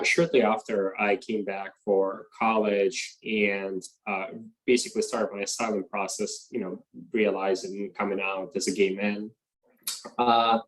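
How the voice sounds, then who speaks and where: On a video call panel, a young Russian man introduces himself casually in a lowish voice. He hesitates a lot, filling the gaps with "uh" and "you know." The recording quality is poor.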